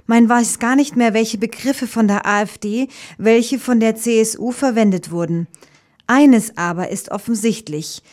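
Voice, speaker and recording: A woman's voice: fairly high pitch, measured pace, darkish tone. Woman presenter introducing a commentary. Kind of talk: news introduction.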